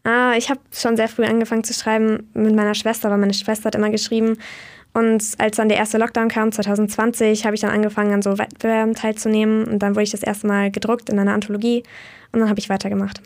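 A young woman reading her own story aloud in a calm, measured way, then talking about her writing. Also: medium pitch. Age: young adult.

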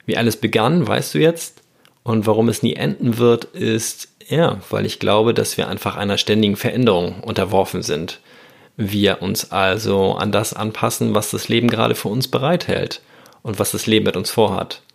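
A man's voice: fairly low pitch, moderate pace, creaky. A man hosting a motivational self-help podcast, talking earnestly and directly to the listener. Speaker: podcast host.

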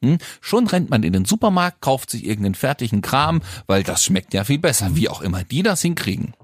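Wry, husky-voiced man. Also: medium pitch, big pitch swings, fairly quick, no echo, studio quality. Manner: wry, joking conspiratorial banter. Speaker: podcast co-host. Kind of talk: casual chat.

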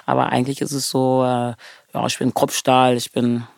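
Passionate woman with a gravelly voice. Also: a bass voice, little pitch movement, normal speed, darkish tone, dry recording, clean studio sound. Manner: passionate, emphatic, repeats words for stress. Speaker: interview guest. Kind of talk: earnest interview conversation.

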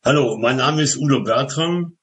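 Halting older man. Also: medium pitch, a bit bright, slight background noise. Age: 70s. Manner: halting, many restarts and fillers. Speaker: association group leader. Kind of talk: podcast interview answers.

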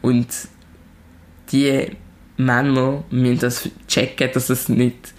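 A woman's voice: extremely low pitch, flat delivery, slow. A young woman in her twenties with a Swiss German accent, talking directly and animatedly as a musician guest in a casual chat. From Switzerland. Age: 20s.

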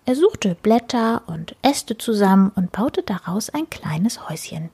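Brief: woman narrator, whispered storytelling, hushed and breathy, mid-pitched. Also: expressive, measured pace. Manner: soft, hushed.

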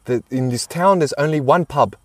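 A man's voice: fairly high pitch, moderate pace, no room sound, recorded from a distance. A man, the guest, telling a rambling personal story in casual talk, swearing freely and using many fillers.

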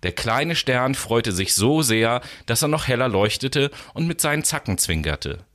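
A man narrating a children's story in a lively, expressive reading voice. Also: mid-range voice, a little slow.

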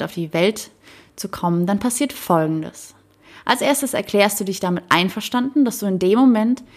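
A woman doing a wise old man, gently explaining. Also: lowish voice, natural voice. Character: wise old man, calm, kindly teacher.

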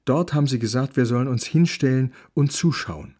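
A man reading a children's novel aloud in a calm, gentle storytelling manner. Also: mid-range voice, moderate pace, slightly rough. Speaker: audiobook narrator.

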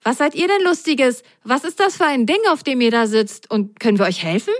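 A woman's voice: on the high side, expressive, a little fast, no room sound, studio quality, pitched above the performer's own voice, natural voice. A woman voicing a friendly, helpful young whale child in a children's storybook, talking in an eager, chatty way.

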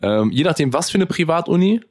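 A man's voice: on the high side, expressive, fast talker, darkish tone. A young man co-hosting a podcast, chatting casually with teasing remarks and chuckles. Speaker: podcast co-host. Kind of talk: casual chat.

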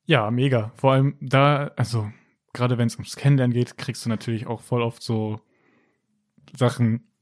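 Animated young man telling a story. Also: moderate pace, no room sound, studio quality. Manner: animated storyteller acting out quotes with jumps in pitch. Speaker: podcast co-host telling a story. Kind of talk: casual chat.

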